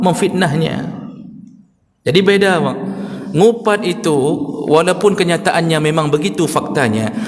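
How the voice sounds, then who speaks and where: An Indonesian man with an Acehnese accent giving a sermon in a mosque, his voice sitting a little high for a man. He drives his points with rising emphasis and repeats key phrases. The hall leaves a long reverb on every word. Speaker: preacher.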